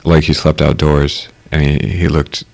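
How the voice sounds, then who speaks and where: Super deep guy, flat monotone, rambly and hesitant, lots of ums. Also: unhurried, vocal fry. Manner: rambling, hesitant, with many fillers and restarts. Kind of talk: casual conversation.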